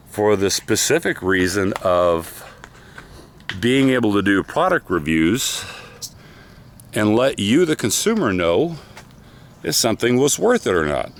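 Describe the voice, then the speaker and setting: A man casually vlogging outdoors about camera gear, chatty and enthusiastic, a bit out of breath, recorded on the camera's own microphone. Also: on the low side. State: slightly out of breath. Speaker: product review vlogger. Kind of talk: casual talking-head vlog. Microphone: camera's built-in microphone.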